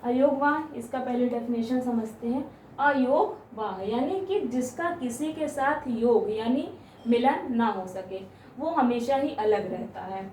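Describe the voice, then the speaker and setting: A woman teaching grammar, explaining step by step, asking questions and answering them herself, and stretching out example sounds slowly. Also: fairly high pitch, a little mellow, slight background noise. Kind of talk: classroom explanation. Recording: echoey room, voice from a distance.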